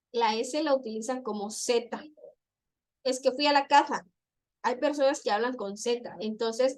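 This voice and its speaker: A woman gives a classroom lecture. Her voice sits high, and she explains patiently, saying each example slowly and more than once. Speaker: teacher.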